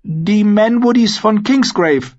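In a storybook reading on a dull lo-fi audiobook recording, a man pushes his voice up high to play a nervous, eager young squire. The character speaks shyly and hurriedly, gradually gaining confidence, in an expressive delivery.

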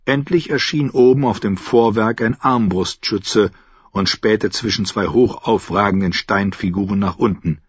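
Husky male audiobook narrator. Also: fairly low pitch, a little slow, dry recording. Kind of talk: scripted narration. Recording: dull lo-fi, dry.

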